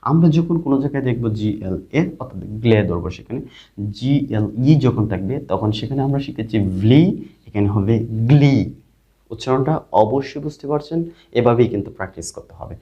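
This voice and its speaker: A man teaching an English spelling and sound lesson online, asking questions and answering them himself, repeating each sound slowly. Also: mid-range voice, animated, dark tone. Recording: dull lo-fi recording.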